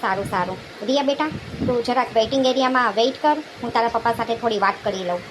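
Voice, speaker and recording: A concerned schoolteacher from a cartoon, voiced by a woman, calm and advising. The voice is high for a man. A steady hiss sits under it. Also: fast, close to an everyday voice. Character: concerned male schoolteacher, earnest. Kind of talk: cartoon voice acting. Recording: noisy background hiss.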